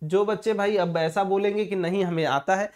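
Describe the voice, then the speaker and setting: A man's voice: sits high, steady tone, moderate pace, a little mellow. A male physics teacher giving an online exam-prep lesson, casually calling students brother and asking rhetorical check-in questions as he explains. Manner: mixes English terms into Hindi explanation.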